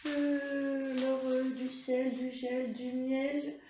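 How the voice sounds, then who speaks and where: A woman voicing Mimi, a hesitant little girl pupil who stumbles through guesses and brightens at the answers, with a roomy, slightly dull sound. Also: high voice, extremely slow, background noise, voice pushed up. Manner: stumbling guesses, sudden excited realizations.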